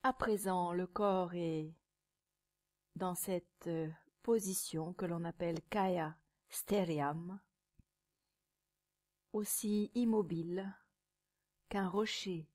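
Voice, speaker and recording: A yoga nidra teacher guides a meditation in a calm, measured, soothing manner. Her voice is fairly low, soft and at times breathy, with pauses between short phrases.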